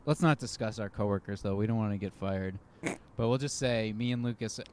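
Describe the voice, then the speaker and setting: A man's voice: lowish voice, a little mellow, slight background noise. A young man co-hosting a podcast outdoors at a mall, teasing and joking in casual chat. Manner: jokey, teasing, quick to laugh. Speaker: podcast co-host.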